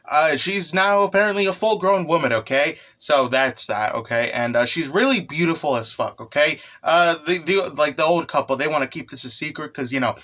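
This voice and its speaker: Male manga recap host, excited anime fan, slightly high, punchy bright voice, informal and irreverent. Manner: often tags phrases with "okay" or "right". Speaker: host of a manga chapter review channel. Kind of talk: casual fan recap commentary.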